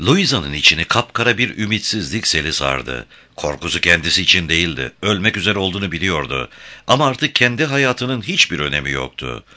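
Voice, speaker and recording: Male audiobook narrator, low sharp voice, very animated delivery. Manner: expressive reading, voicing each character. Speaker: audiobook reader. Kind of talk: scripted narration.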